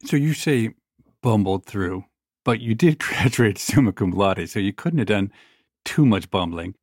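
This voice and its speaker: A man hosting an interview podcast, asking measured questions. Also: on the low side, animated, no echo, clean studio sound. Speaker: podcast host.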